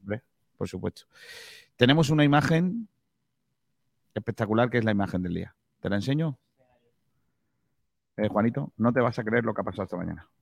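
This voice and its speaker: Low-voiced man hosting sports radio. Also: lively intonation, fairly quick, vocal fry, pauses often, no echo, clean studio sound. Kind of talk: casual, conversational radio presenting. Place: stadium press room.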